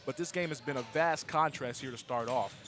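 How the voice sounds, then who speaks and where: A man's voice: medium pitch, a little fast, a bit bright, a little hiss or hum. A nineteen-year-old man calling a summer basketball game as play-by-play announcer, casual and leaning on "absolutely". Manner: casual, repeats "absolutely", filler-heavy. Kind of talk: sports commentary. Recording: gym ambience with ball bouncing.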